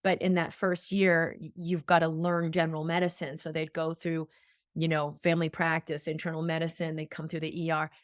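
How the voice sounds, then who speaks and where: A middle-aged woman with a fairly low voice speaks as an interview guest, telling stories in an earnest, flowing way. The recording is dry and close. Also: little pitch movement, fairly quick, no room sound. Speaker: guest, physician. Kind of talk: conversational interview.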